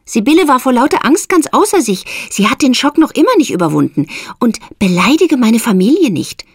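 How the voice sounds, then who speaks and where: Lady doing a snooty schoolgirl, high and scornful, really jumpy melody. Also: sing-song, brisk, breathy edge, no echo, studio quality, heavily acted. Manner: scornful, challenging. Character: haughty schoolgirl, sharp and accusing.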